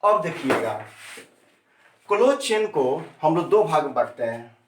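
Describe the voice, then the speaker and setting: A man's voice: fairly high pitch, sing-song, measured pace, a little hiss or hum. Man teaching chemistry in an echoey room. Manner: repeats key terms and quizzes students with questions. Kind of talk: classroom lesson. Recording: echoey room, mic set far off.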